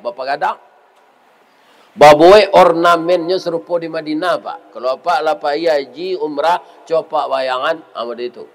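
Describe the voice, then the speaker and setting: Older man, Minangkabau accent, sermon, animated storytelling, somewhat high voice. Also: slight background noise. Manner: animated storytelling, tag questions to listeners. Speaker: preacher.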